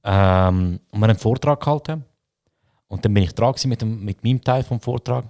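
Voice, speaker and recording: A young man from Switzerland, co-hosting a casual podcast chat, telling stories in slangy, animated speech. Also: on the low side, brisk. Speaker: podcast co-host.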